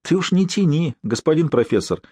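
A man's voice: medium pitch, expressive, brisk, a little mellow, breathy edge, no room sound, clean studio sound. A male narrator voicing a sardonic young ruler who grumbles and mocks his friend, in an audiobook. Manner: sarcastic, grumbling.

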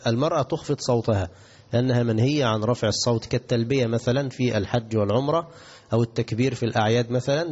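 Egyptian sheikh teaching in a hall. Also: male voice, mid-range voice, a little mellow. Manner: asks the audience questions and answers himself, mixes classical and colloquial. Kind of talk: religious lesson. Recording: dull recording in a reverberant hall.

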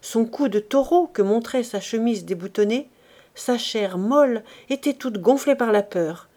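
Audiobook narrator, woman, fairly high voice, steady expressive reading. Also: measured pace. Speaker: audiobook reader.

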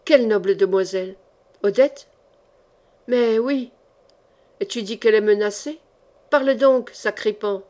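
A woman's voice: on the high side, steady tone, moderate pace, close to an everyday voice. A woman reading the part of an ironic, fearless male chevalier, with a dry, mocking delivery that turns threatening. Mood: urgent. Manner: dry, mocking, then menacing.

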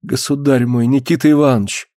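A man's voice: medium pitch, fairly even intonation, a little fast, no echo, studio quality, lightly acted. A man voicing a guilt-stricken boyar's wife. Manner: archaic, pleading, hushed. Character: grieving guilt-stricken old-Russian boyar's wife, middle-aged woman. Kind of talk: audiobook reading.

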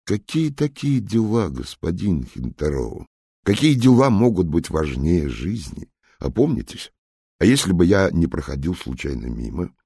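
A man's voice: deep voice, very animated, a little slow, vocal fry, warm tone, breathy edge, no echo, studio quality, exaggerated voice. A man voicing a commanding, curt male general in an audiobook. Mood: cold. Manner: authoritative, curt. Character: commanding stern male general, middle-aged.

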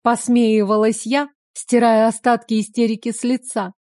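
Woman story reader, first-person narration, warm and confiding. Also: a little high, little pitch movement, normal speed, dry recording, studio quality.

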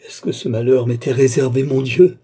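A man's voice: medium pitch, animated, a little slow, slightly rough. A man reading an audiobook, voicing a proud young noblewoman who is furious and contemptuous. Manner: shouting, raging, contemptuous. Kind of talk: audiobook character voice.

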